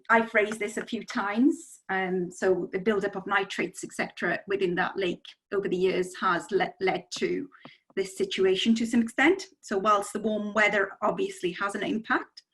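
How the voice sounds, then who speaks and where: A woman's voice: mid-range voice, creaky, fairly bright tone, rough recording. A middle-aged woman from Bangladesh, a city councillor, speaking on a video call panel in a rambling way full of ums and you-knows. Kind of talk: panel discussion.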